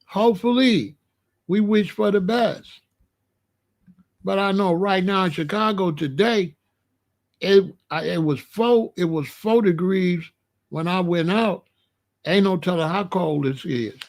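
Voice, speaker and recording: Here a middle-aged or older American man uses his livestream to warn viewers about the weather, chatting casually and colloquially. His high-pitched voice is a little slow with frequent pauses, and he repeats phrases emphatically for stress.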